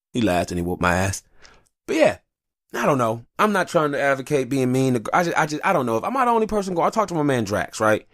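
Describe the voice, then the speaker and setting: A man hosting his own podcast, ranting in a profane, animated way, his pitch leaping as he gets worked up. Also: dry recording, studio quality. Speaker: podcast host. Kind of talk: solo rant podcast.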